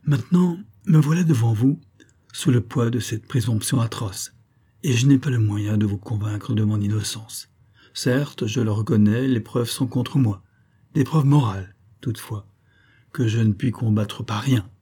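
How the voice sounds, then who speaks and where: A man's voice: mid-range voice, a little slow, mellow, breathy edge. A man voicing a cunning male suspect who pleads his innocence in a theatrical, pleading way.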